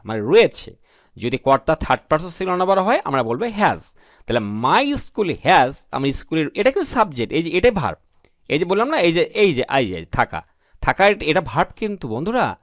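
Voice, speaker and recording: Man, beginner English lesson, question-and-answer teaching, animated melody, dry room. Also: fairly high pitch, no echo. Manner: asks and answers his own questions, spells English sentences out slowly; addresses viewers as friends.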